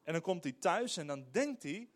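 This sermon comes from a middle-aged man, a pastor, whose voice is on the high side and whose speed is normal; he preaches with animation and emphasis but hesitates often.

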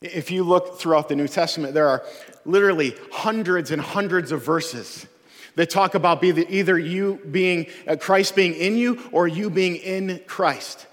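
Earnest high-voiced preacher in an echoing hall. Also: male voice, normal speed. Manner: earnest, repeats words and restarts often. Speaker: pastor. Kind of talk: sermon.

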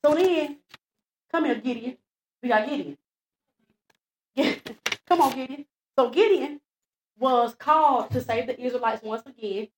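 Lively woman preaching in an echoey church. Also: high-pitched, measured pace, long pauses, slight background noise. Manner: lively, repeats phrases, acts out quotes, laughs at herself. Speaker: church speaker before the pastor. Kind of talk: animated sermon retelling Bible stories. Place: church sanctuary.

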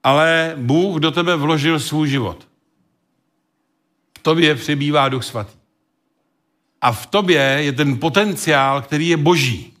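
Halting, measured male preacher. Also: a little high, a bit bright. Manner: measured, halting delivery with many hesitations. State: occasional cough. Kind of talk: sermon with Bible reading.

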